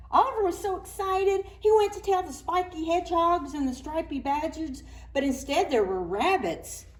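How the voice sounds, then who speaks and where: A children's librarian with a slightly high voice reads picture books to preschoolers at story time. She's animated and sing-song, dropping into soft whispered asides.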